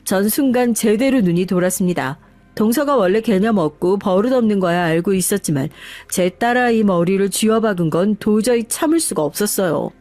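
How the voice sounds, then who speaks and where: A woman narrating a first-person family story in a calm, confiding, aggrieved tone. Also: medium pitch, a little fast, no echo. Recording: faint background music.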